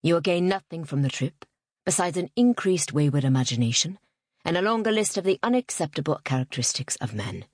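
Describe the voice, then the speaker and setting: A woman voicing a stern, controlling older father in a low, firm, measured voice in an audiobook reading. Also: lively intonation, a little mellow, dry recording, clean studio sound. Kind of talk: audiobook narration.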